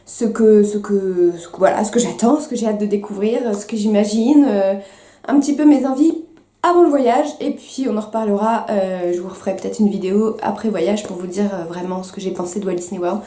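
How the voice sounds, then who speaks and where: A young woman chatting to camera as a vlogger, with many fillers and quick self-corrections. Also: mid-range voice, dark tone, roomy sound. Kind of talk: casual chat to camera.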